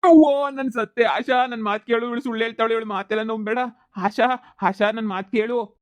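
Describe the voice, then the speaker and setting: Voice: medium pitch, fairly even intonation, normal speed, a bit bright, no room sound, close to an everyday voice. Someone voicing a cheating cartoon husband, whiny, pleading, dry close sound. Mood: wailing. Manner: wailing, pleading, then muttering threats. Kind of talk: cartoon comedy dubbing.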